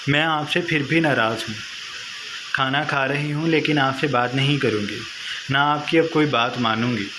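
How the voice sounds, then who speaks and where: A man's voice: medium pitch, moderate pace, close to an everyday voice. A man voicing a petulant, tearful teenage wife, over a noisy recording. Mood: sulky.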